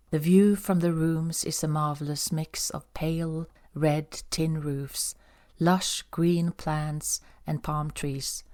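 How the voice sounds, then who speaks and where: A woman narrating an audiobook in a calm, even storytelling manner. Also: low voice.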